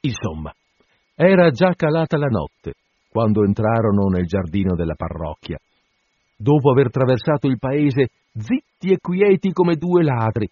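A man narrating a classic short story aloud in an expressive, storytelling manner, in a dull, dry recording. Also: medium pitch, moderate pace, slightly rough, dry recording. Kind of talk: scripted literary reading.

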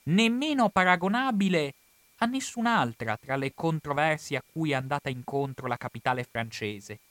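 A man with an Italian accent giving a formal, measured spoken account of history, now and then correcting himself mid-phrase. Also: a little high, lively intonation, a bit bright, no room sound. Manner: measured, formal delivery with occasional self-corrections. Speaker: history lecturer.

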